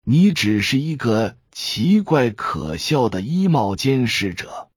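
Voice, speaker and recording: A man voicing a calm, grave middle-aged priest who speaks in a solemn, measured way. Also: low voice, no room sound, clean studio sound.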